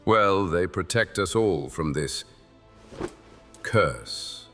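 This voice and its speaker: A man voices a proud, uneasy king in an ASMR audio drama, his deep voice slow and stately. A long hall echo and soft music sit behind him. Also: animated, heavily acted. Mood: grave. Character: anxious proud human king cursed with gold.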